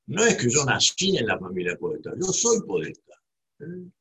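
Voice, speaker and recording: A man from Buenos Aires speaks in a Rioplatense Spanish accent, his medium-pitched voice swooping wildly at a normal speed. The tone is fairly bright and slightly rough. He delivers a digressive, reflective monologue packed with tag questions and restarts.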